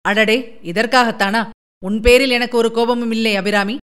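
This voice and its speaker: A woman's voice: fairly high pitch, steady tone, moderate pace, fairly bright tone, clean tone, lightly acted. A woman reading a story aloud and voicing a short-tempered young man in her own voice, curt and brusque.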